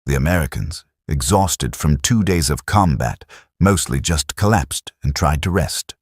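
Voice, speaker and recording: A man narrating a scripted wartime story in a steady storytelling manner. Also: extremely low pitch, unhurried, slightly rough, no room sound, clean studio sound.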